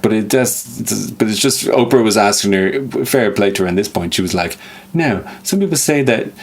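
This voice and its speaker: Man, podcast co-host, lively storyteller, quick with impressions. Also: on the low side, creaky, husky. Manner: animated storyteller, slips into impressions, laughs often. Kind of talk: casual chat.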